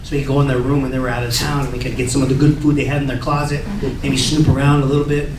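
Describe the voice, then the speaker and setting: A young man doing a stand-up comedy set on a club stage, telling stories loudly and shouting out the lines he quotes. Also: medium pitch, rapid-fire, noisy background. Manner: loud, excitable storytelling, shouting acted-out quotes. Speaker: stand-up comedian hosting a veterans show. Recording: echoey club, mic heard from a distance, crowd laughter.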